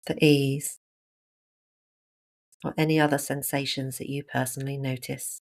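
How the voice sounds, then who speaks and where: An instructor leading a guided breathing meditation, speaking calmly in short, unhurried phrases. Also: medium pitch.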